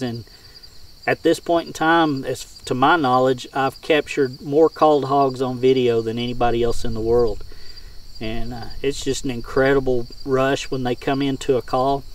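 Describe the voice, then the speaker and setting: A man's voice: medium pitch, steady tone, normal speed, slight background noise. A middle-aged man, a hog hunter, tells casual first-person hunting stories in a folksy, countrified way of speaking. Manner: folksy, rural colloquial phrasing. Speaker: hog hunter and game caller. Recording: distant mic outdoors with insect sounds.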